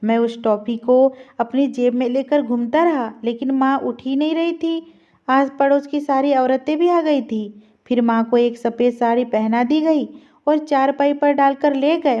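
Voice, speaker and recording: A woman storyteller narrating an emotional story in a steady, sorrowful reading style. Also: high voice. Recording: slightly dull lo-fi recording.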